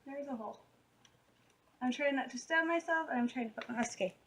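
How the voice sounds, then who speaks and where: A woman's voice: high voice, quick pace, fairly bright tone, slight background noise. A woman in her late twenties chatting casually to the camera from her room at home, rambling and giggling, with lots of fillers. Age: late 20s. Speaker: vlogger.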